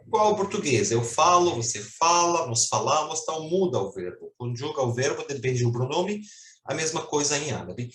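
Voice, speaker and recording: Um homem dando uma aula de língua online, com paciência e repetindo palavras devagar para os alunos praticarem. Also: male voice, medium pitch, fairly bright tone, reverberant. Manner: patient, repeats words slowly for drilling. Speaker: Arabic teacher. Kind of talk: online language lesson.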